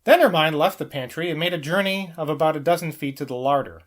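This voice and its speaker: A man with a fairly high voice reads a novel aloud at a quick pace as an amateur audiobook narrator. It's scripted literary narration, and he occasionally stumbles slightly over the text.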